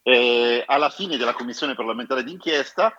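A foreign correspondent, a man, speaking over a phone line in a live radio interview and explaining events in a measured way. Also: mid-range voice, pushed and bright, dry recording. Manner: explanatory, measured, addresses listeners directly. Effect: heard over a phone line. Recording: dull, muffled phone line.

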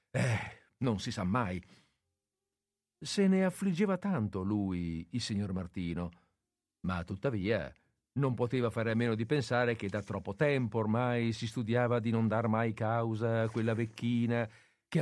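Man reading a literary story in a measured way. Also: mid-range voice, no echo, clean studio sound. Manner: measured, expressive reading with pauses. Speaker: audiobook narrator.

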